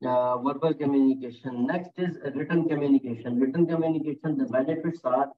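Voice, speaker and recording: This man's voice is medium in pitch and fairly quick, with a little hiss or hum. He leads an online workplace safety class over video, taking questions, repeating what students say, cheering them on, and dropping frequent "okay"s and "very nice"s. The computer-mic audio comes through thin and phone-like.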